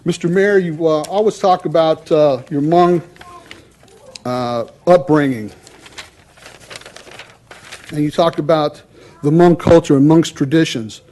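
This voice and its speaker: A man's voice: fairly high pitch, unhurried, long pauses, warm tone. A man giving a formal public comment at a council meeting in a stern, indignant, accusatory way.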